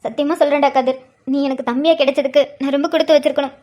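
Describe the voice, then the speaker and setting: A woman's voice: high voice, quick pace, lightly acted. A woman voicing an affectionate older sister and young mother in a cartoon drama, emotional and teasing by turns. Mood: tearful. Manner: affectionate, teasing, tearful at times.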